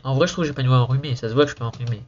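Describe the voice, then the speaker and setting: A man with a mid-range, darkish voice, recorded with a muffled sound, chats casually for a gaming video. He talks fast in a slangy, rambling way after an upbeat intro, and says he's sick, with phlegm audible in his throat.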